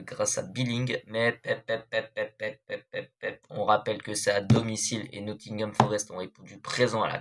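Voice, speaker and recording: A man's voice: fairly low pitch, a bit bright. A young man hosting an esports club show, giving a casual, hesitant recap of football matches with many fillers and apologies.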